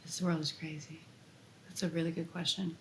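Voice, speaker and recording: A woman's voice: low voice, little pitch movement, normal speed. A woman in her thirties, a dancer guest on a casual podcast, talking in a rambling way full of "like" fillers. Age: 30s. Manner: chatty, rambling with many "like" fillers. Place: Los Angeles.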